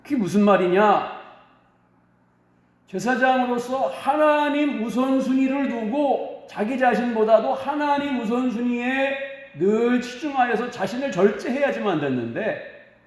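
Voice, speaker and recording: High-voiced pastor preaching in echo. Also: male voice, animated. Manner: earnest storytelling, dramatic pauses. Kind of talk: sermon.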